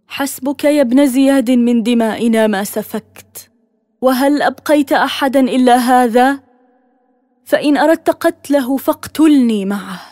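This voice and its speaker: A fierce, grieving noblewoman in an audiobook story, voiced by a woman narrator. She speaks up in loud, defiant anger, sharp and raised. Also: high voice, normal speed, dry recording, studio quality, voice pushed up, natural voice. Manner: loud, angry protest.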